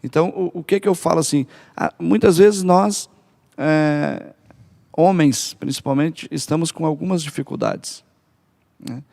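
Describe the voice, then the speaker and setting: Hesitant gravelly Brazilian man. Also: a little high, unhurried, warm tone. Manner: hesitant, many fillers and restarts. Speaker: family ministry guest. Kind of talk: casual church podcast talk.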